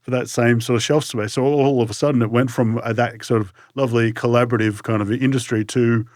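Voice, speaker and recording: A man's voice: mid-range voice, fairly even intonation, fairly quick, darkish tone, dry recording, clean studio sound. A man with an Australian accent chats casually as an interview guest, circling his point with many loose asides. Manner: hedging and circling, many "you know" and "sort of" asides. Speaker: brewery co-founder, guest.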